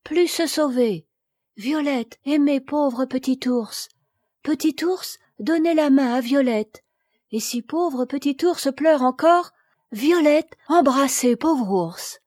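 A woman's voice: slow, a little mellow, no room sound, studio quality. A woman voicing a small, trusting little girl who speaks in baby talk. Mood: tender coaxing. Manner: baby talk, high and tender.

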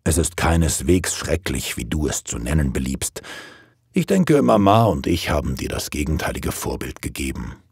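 A man's voice: rumbling low, animated, gravelly, darkish tone, husky, no room sound, clean studio sound, voice pushed down, exaggerated voice. A man doing a stern, lecturing old-fashioned father. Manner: strict, lecturing, measured. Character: stern, proper older father of the bride.

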